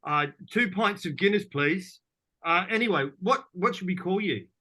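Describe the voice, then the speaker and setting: A man plays a young male student in an audio drama, earnest and a little hesitant, now and then taking things too literally. His voice runs high and bright. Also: expressive, moderate pace, full character voice. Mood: chatty. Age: young adult.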